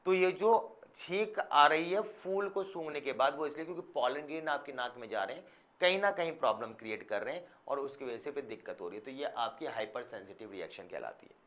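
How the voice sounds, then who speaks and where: A man's voice: medium pitch, expressive, fairly quick, a bit bright. A man teaching a biology lecture, who keeps checking that his students follow and mixes English scientific terms into his explanations. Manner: calls students "beta", keeps checking they understand. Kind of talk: classroom lecture.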